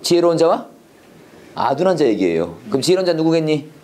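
A middle-aged man teaches a Bible and English class, lecturing emphatically and preachily while drilling phrases for students to repeat back in call-and-response. His voice is a little high, sing-song, quick, and slightly mellow, with slight background noise.

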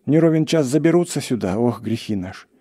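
A man's voice: medium pitch, lively intonation, brisk, warm tone, voice pushed up, natural voice. Man putting on a whiny frightened forester. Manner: plaintive, whining, moaning. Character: scared pious old male forester, whiny.

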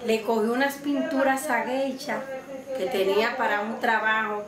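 A young woman, the contestant's aunt, telling a family story in a lively way in a living room. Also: fairly high pitch, normal speed, echoey room, crowd noise. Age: young adult.

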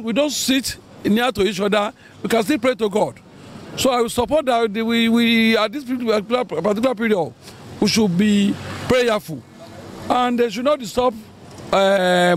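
Halting Nigerian man at a roadside. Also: high voice. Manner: halting, repeats himself. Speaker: street interviewee. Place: busy roadside outdoors. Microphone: handheld mic. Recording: faint traffic behind.

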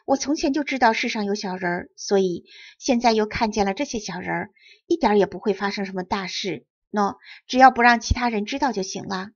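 A cheerful, curious young wife from a storybook, as a woman reader puts her on, eager and bright in how she speaks. The voice is a bit husky, and the recording sounds dull and lo-fi. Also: medium pitch, a little fast, close to an everyday voice. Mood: reassuring.

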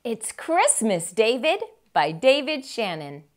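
Her fairly high voice swinging widely in pitch, a middle-aged woman reads slowly to a group of children at storytime. The reading is expressive with exaggerated emphasis, aimed directly at her young listeners. A lapel mic captures her in a small, furnished indoor space.

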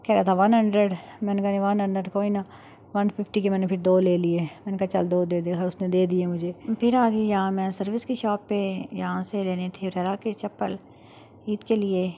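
A woman's voice: medium pitch, dark tone. Chatty middle-aged Pakistani woman vlogger. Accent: Punjabi Pakistani Urdu. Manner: chatty, matter-of-fact, recounting haggling. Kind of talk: casual voice-over narration.

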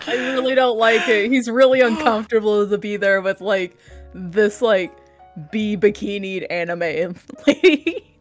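A woman's voice: mid-range voice, a little slow, faint music behind. A woman chatting casually as a guest on a game stream, giggling and trailing off mid-sentence.

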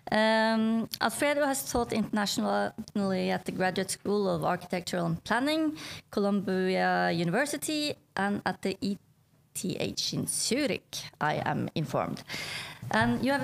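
A woman's voice: mid-range voice, creaky. A woman moderator formally introducing a speaker at a seminar. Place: indoor seminar room. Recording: faint room noise.

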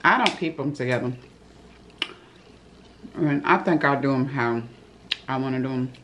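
Her voice is a rumbling low one at a moderate pace, set against a noisy background. She's a woman in her thirties vlogging from her living room, eating and talking casually to viewers she calls "y'all."

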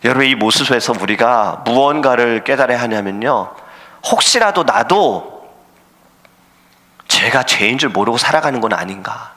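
A man's voice: medium pitch, brisk, hardly any pauses. A man, a senior pastor, preaching an earnest sermon at an early-morning service in a church. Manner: earnest preaching, acts out shouting sailors and God's voice. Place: church sanctuary. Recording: hall reverb in church.

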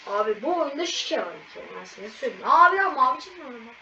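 A woman commentating a video game as she plays, excitable and exclaiming at every fail and win. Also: high voice, brisk. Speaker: gaming channel host. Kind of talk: live gameplay commentary. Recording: distant, muffled mic with loud background noise.

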